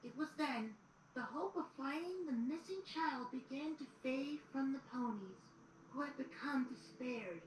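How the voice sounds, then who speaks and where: Earnest storybook narration comes from a woman voicing a young boy dragon assistant who reads history in an audio drama. Her voice is high and unhurried, and the audio, replayed, sounds noisy, distant, and roomy.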